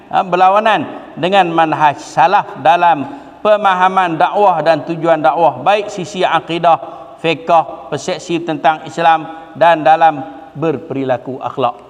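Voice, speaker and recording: High-voiced preacher in a hall. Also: male voice, a little slow. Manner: lively, rhetorical questions, breaks into quoted Arabic. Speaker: religious teacher. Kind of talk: sermon. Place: religious hall.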